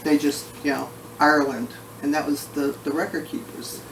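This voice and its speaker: A breathless man with a gravelly, slightly high voice tells family history in a casual, halting way, pausing often. He is recorded at some distance in a roomy space. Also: little pitch movement. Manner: halting, with frequent pauses. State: short of breath. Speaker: family history researcher being interviewed. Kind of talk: casual oral history recollection. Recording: roomy, distant mic, faint background noise.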